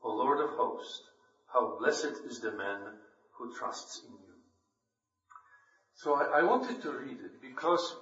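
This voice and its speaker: Speaking slowly and pausing often, a lay preacher from Poland delivers an earnest, emphatic scripture reading and devotional talk at a church meeting. His medium-pitched voice is expressive with a fairly bright tone, captured in a roomy, distant, dull church recording.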